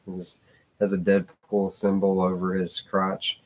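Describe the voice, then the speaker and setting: Man, casual vlogger, low voice, meandering and hesitant, swears offhandedly. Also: completely flat delivery, measured pace. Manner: rambling, hesitant, with many fillers and restarts. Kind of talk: casual rambling vlog talk.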